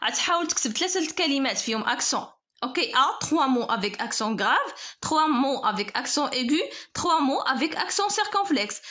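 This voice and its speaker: A woman with a Moroccan Arabic accent teaching a spelling lesson, slowly and carefully dictating words for pupils to copy. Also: high voice, sing-song, a bit bright. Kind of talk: French spelling lesson explained in Darija.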